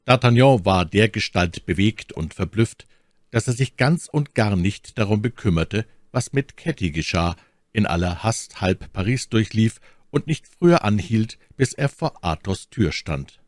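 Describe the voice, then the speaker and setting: A man reading a classic adventure novel aloud as scripted narration, steady and theatrical. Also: fairly low pitch, measured pace, dry recording, studio quality. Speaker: audiobook reader.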